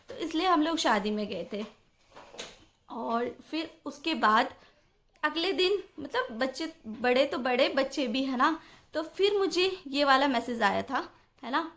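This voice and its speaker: Upset high-voiced woman vlogger. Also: a bit bright. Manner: upset and indignant, talks in long rambling runs with many fillers. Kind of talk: emotional personal vlog rant.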